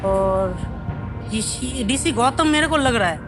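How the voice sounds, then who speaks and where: Slow-speaking Indian male quiz contestant. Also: very high-pitched, lively intonation. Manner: deferential, hesitant. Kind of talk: answering quiz questions. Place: television studio. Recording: music playing behind.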